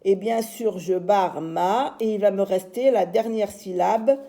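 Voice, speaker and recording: A woman teacher giving a slow, patient reading lesson to young children, sounding out each syllable. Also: mid-range voice, mellow.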